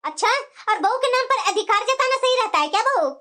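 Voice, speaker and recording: A woman's voice: very high voice, animated, a little fast, sharp tone, heavily acted. A woman playing a taunting, bossy cartoon mother-in-law. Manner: mocking, scolding tone. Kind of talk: cartoon voice acting.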